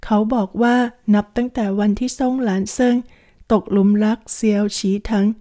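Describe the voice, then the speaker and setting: A woman narrating a translated historical romance novel in a calm, measured reading voice. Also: medium pitch. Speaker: audiobook narrator.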